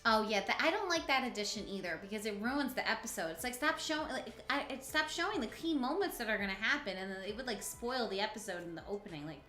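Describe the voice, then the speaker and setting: Bright, giggly New York woman co-host. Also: a little high, fast talker, hardly any pauses, reverberant, faint music behind. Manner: animated storyteller, giggly. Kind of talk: casual livestream chat.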